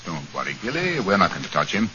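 An actor playing a brisk, confident detective in an old radio drama, speaking in a crisp, precise way. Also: male voice, deep voice, wildly swooping pitch, background noise. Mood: commanding. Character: brisk, confident detective hero, middle-aged man. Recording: dull lo-fi old radio recording.

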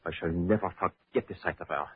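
An actor playing a genial French gentleman with a French accent, speaking in a courteous, measured way in an old radio drama. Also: sits low, breathy edge. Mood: storytelling. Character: genial middle-aged French mayor's son, storyteller. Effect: old radio show. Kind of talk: 1940s radio drama acting. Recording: thin, phone-like old radio broadcast.

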